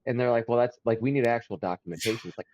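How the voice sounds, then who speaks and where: A man in his thirties co-hosting a podcast, talking casually, animated, stumbling over restarts and laughing often. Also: mid-range voice, rapid-fire, dry recording, poor audio. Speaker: podcast co-host. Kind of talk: casual chat.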